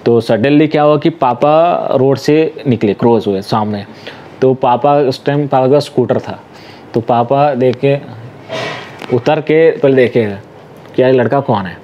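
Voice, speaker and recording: A man with a mellow, warm voice tells stories in a relaxed interview and slips into acted-out dialogue as he goes. He speaks at a mid pitch. The recording is dull and lo-fi. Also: measured pace, slight background noise. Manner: animated anecdotes with acted-out dialogue. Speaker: guest, actor and voice artist. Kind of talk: casual interview storytelling. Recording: dull lo-fi sound.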